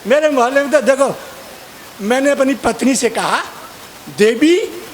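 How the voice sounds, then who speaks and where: A man's voice: very high voice, measured pace, slight background noise. A man performing as a comic poet on stage, mixing sung verse with teasing chat to the audience. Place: outdoor poetry gathering stage.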